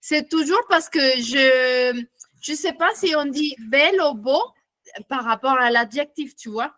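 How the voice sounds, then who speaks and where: A woman's voice: sits high, unhurried, a bit bright. A woman from Latin America, speaking with a Latin American accent, talking hesitantly and self-consciously as a trainee in a casual group chat.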